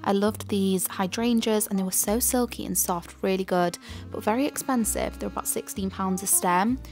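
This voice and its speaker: A woman's voice: medium pitch, moderate pace, darkish tone, soft background music. A young woman vlogging in a chatty, gushing way, talking in her car and then over shopping clips. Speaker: lifestyle vlogger. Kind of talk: casual vlog chat and shopping voiceover.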